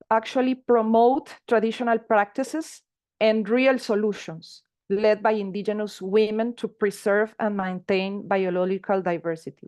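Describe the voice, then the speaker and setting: A woman hosts an online panel over a video call. Her voice sits fairly high, and her speech is hesitant, full of fillers and restarts. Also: a little mellow. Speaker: webinar moderator.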